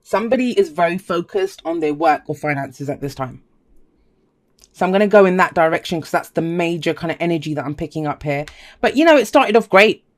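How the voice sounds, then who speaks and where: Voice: medium pitch, expressive, a little fast. Casting: upbeat tarot reader, talks straight to the viewer, chatty and emphatic, repeats words for stress. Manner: enthusiastic, emphatic repetition, chatty asides. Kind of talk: casual spoken tarot reading to viewers.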